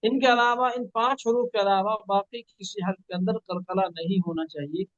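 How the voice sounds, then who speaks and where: Man, recitation teacher, patient, corrective, slow spelled-out sounds, dry dull recording. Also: high-pitched, fairly even intonation, dry recording. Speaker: Quran reading teacher. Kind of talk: one-on-one recitation lesson.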